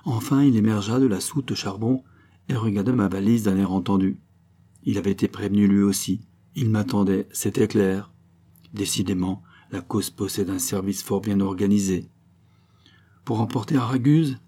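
A male audiobook narrator reading a novel aloud, measured and expressive. His voice sits low with a mellow, dark color and a husky edge.

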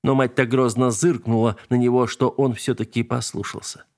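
A man reading a story aloud as narrator, in a steady, expressive manner. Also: mid-range voice, moderate pace. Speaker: audiobook narrator.

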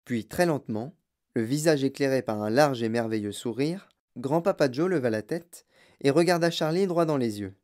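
An audiobook narrator reads a children's story aloud. The reading is lively and expressive, in a voice of middling pitch. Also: moderate pace.

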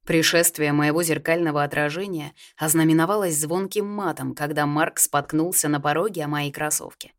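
A woman reading an audiobook in scripted narration, in an even, measured way. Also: low voice. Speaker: audiobook reader.

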